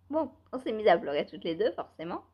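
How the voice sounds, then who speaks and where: A woman's voice: medium pitch, breathy edge, muffled recording. A woman vlogger chatting casually and rambling a little, laughing often while she talks. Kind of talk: casual chat while knitting.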